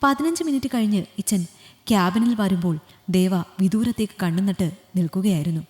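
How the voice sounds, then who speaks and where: A woman storyteller reading an emotional story in a soft, measured way. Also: medium pitch. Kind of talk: scripted audiobook narration. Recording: long hall reverb.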